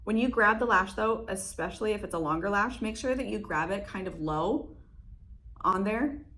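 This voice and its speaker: A woman's voice: mid-range voice, moderate pace, sharp tone. A young woman chatting casually through a lash-application tutorial in her salon, laughing often and using lots of fillers. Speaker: beauty vlogger.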